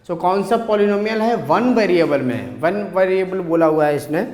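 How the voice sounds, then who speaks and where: An Indian-accented male maths teacher gives a lesson in a noticeably high voice. He talks at an unhurried pace, dictating definitions word by word before explaining more briskly. The echoey room gives his voice a roomy ring. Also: lively intonation, darkish tone. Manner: switches between slow dictation and quick explanation.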